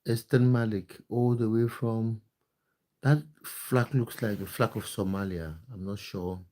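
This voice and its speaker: A Cameroonian man hosts a laid-back live stream, reading out viewer comments in a friendly, chatty manner full of fillers and restarts. He is a football content creator with a lowish, mellow voice, fairly even intonation, and a slightly slow delivery.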